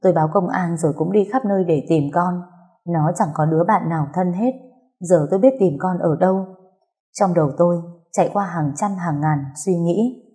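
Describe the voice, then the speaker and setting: Low, mellow woman narrating a story. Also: moderate pace. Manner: earnest, emotional storytelling. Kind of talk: first-person audiobook narration.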